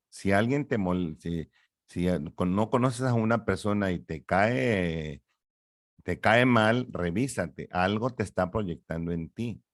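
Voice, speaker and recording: A middle-aged man speaks in a lowish voice, lecturing with lively rhetorical questions. The sound is close and dry, with no room echo. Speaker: psychologist guest. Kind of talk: explanatory interview talk.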